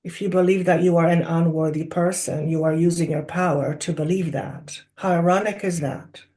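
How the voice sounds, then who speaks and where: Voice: mid-range voice, fairly even intonation, a little mellow, close to an everyday voice. A person trance channeling oracular spirit guides, seance-medium style. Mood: solemn, instructive. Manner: deliberate, oracular, rhetorical questions, emphatic drawn-out words. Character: channeled collective of wise, instructive spirit guides. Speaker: channeler speaking as a council of spirits.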